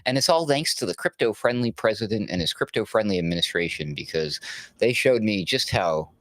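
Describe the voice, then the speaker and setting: A man's voice: lowish voice, lively intonation, brisk, a bit bright, no room sound. A man co-hosting a news talk show, talking in a sarcastic, mocking, rambling way. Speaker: co-host. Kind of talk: sarcastic casual commentary.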